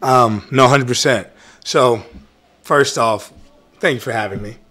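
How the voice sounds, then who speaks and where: A man's voice: medium pitch, measured pace, sharp tone. Easygoing male fitness coach guest. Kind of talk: casual interview chat.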